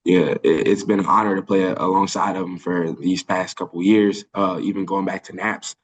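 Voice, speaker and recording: A man's voice: deep voice, fairly even intonation, moderate pace. A young man in his early twenties from Birmingham, Alabama, answering press questions over a video call in an earnest way, with many fillers and restarts. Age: early 20s. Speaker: college football linebacker.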